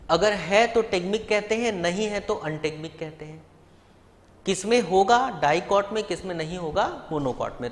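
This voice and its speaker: Heard with a long reverb tail, a man with a high voice runs a live online biology lesson. He goes through the material step by step, tossing rhetorical questions to his students and addressing them with warmth and directness.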